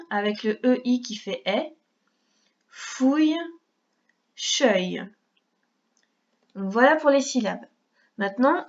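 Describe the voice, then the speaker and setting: A woman teacher giving a dictation lesson to young children, speaking slowly and carefully, repeating each syllable and addressing the child directly. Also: on the high side, dull audio. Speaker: primary school teacher.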